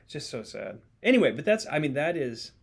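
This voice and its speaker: A man co-hosting a casual Bible discussion, earnest and quick to agree. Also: on the high side, sing-song, breathy edge. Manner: earnest, frequent agreeing "yeah". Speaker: co-host.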